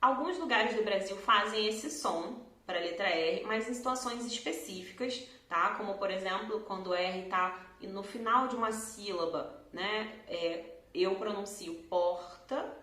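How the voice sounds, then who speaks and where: A woman teacher from Brazil with a Carioca accent, explaining pronunciation slowly and clearly and drawing out example words. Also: medium pitch, bright, forceful tone. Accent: Carioca Brazilian Portuguese. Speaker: Portuguese teacher. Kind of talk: pronunciation lesson to camera. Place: room at home, in front of a door. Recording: echoey room.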